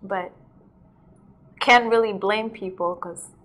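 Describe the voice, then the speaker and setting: A young woman from South Sudan chats through a relaxed interview as a DJ and model. She leans on "like" and "um" and laughs easily. Her voice sits at an ordinary middle pitch, close on a lapel mic in a studio. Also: takes it slowly. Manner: chatty, laughs often, many "like"s and fillers. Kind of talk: casual interview storytelling.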